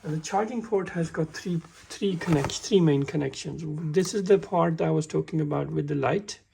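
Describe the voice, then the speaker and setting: A man walking through a car repair in a halting, casual way, often stumbling and restarting his sentences. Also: fairly high pitch, creaky, a little mellow, slight background noise. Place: workshop with a work table.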